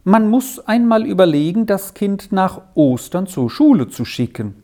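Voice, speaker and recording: A reader voicing a calm, practical farm wife in a storybook, speaking matter-of-fact. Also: mid-range voice, measured pace, voice pushed up. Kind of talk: storybook narration.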